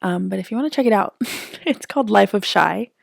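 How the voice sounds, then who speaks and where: A young woman co-hosting a podcast in casual chat, talkative, full of "like" and quick laughs. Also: medium pitch, creaky, dry recording, studio quality. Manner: chatty, fillers like "like", laughs often. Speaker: podcast co-host.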